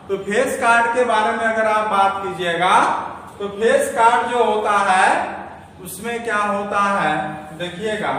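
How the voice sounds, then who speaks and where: A man's voice: sits high, sharp tone, slight background noise. A man teaches a lesson, explaining step by step and asking and answering his own questions. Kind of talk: classroom lesson. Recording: echoey room from far off.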